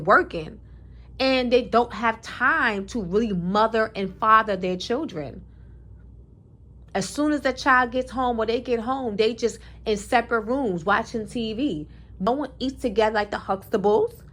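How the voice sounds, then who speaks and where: A woman's voice: on the high side, fairly bright tone. A woman speaking her opinions in a preachy, emphatic monologue, using colloquial talk, repeating phrases for emphasis and citing scripture. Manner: colloquial speech with scripture references. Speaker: commentary vlogger.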